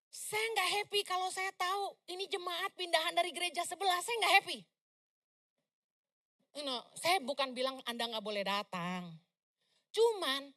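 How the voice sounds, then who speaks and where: A woman pastor preaching with a high, piercing voice and a loud, emphatic delivery. She swings between fervent declarations and casual, slangy asides, keeping her voice bright and forceful throughout. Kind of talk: sermon.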